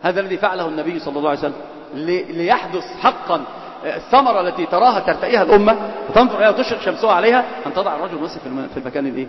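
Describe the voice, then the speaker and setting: A man delivers an Islamic lesson at a rapid clip, moving between formal classical phrasing and colloquial asides. He teases and quizzes his students. His high voice rings through a long, echoey hall on a dull, lo-fi recording. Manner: mixes classical and colloquial speech. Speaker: religious teacher.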